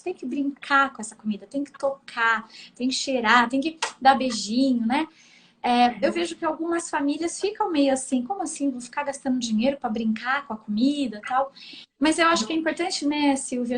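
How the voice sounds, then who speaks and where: A woman's voice: high-pitched, a little hiss or hum. A middle-aged woman with a Brazilian Portuguese accent, a speech therapist hosting a live stream, chatting casually and often tagging her sentences with "né?". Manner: chatty, frequent "né?" tags, acts out intonation examples.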